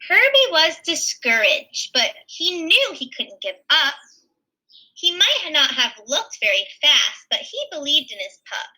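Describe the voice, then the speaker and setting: A teacher reads a picture book aloud, a bright, animated woman with a high-pitched voice who explains the pictures simply in expressive asides for children. The recording is rough.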